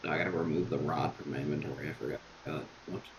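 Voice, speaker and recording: A man playing in a tabletop game, describing his character haltingly with many fillers. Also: very deep voice, fairly even intonation, a little hiss or hum. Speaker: player. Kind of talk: tabletop role-play chat.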